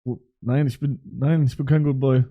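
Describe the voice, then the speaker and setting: A young man streaming live, reacting to messages in loud, excitable, slang-heavy chatter. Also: medium pitch, normal speed, phone-quality sound. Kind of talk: casual livestream reaction.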